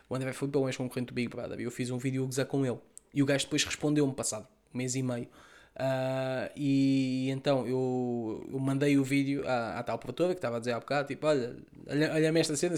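A young man with a European Portuguese accent, telling a story in a casual vlog, animated and profane, acting out the dialogue, speaking outdoors near the beach. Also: mid-range voice. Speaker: content creator.

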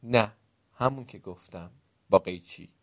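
A stubborn younger brother from a storybook tale, put on by a male narrator, who turns down every plan in a low, curt voice. He sounds dug-in and contrary. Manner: curt, flatly refuses everything.

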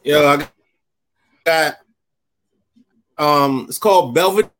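A man's voice: on the high side, slow pace, a bit bright. A man chatting casually as a panelist on a talk show. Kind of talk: casual chat.

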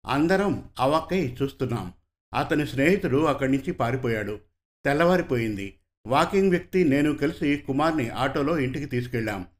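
A man narrating an audio serial story. He reads in a steady, measured way. His voice sits in the middle range. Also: mid-range voice.

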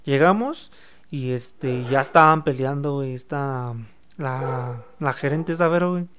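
A man's voice: medium pitch, unhurried, a bit bright. Swearing young Mexican man telling stories. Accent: Mexican Spanish. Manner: profane, storytelling, acts out quoted arguments. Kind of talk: casual chat.

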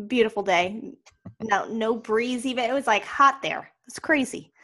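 A woman co-hosting a podcast in casual chat, emphatic and quick to laugh. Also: a little high, sharp tone. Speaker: podcast co-host.

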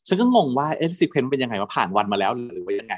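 A man chatting casually with a co-host, recapping a TV drama in an animated way, laughing often. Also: medium pitch, racing, no echo, studio quality. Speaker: podcast co-host.

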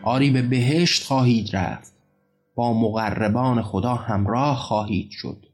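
A man voicing a young male leader who proclaims holy war to his followers, in a slow, solemn storybook speech. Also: medium pitch, a little mellow, soft background music, natural voice. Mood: fervent.

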